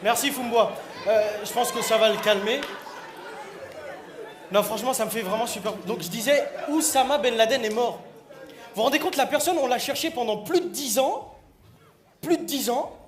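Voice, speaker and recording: High-voiced man doing stand-up comedy. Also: moderate pace, long pauses. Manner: teasing, animated, jokes with the audience. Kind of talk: stand-up comedy with crowd work. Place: stage in a comedy venue. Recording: echoey venue with crowd laughter and noise.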